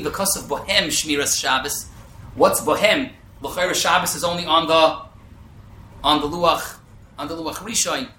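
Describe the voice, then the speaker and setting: A man's voice: a little high, sharp tone. A man giving an informal religious lesson as a teacher, asking rhetorical questions and answering them, mixing with Hebrew terms. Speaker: Torah class teacher, rabbi. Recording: echoey room with faint noise.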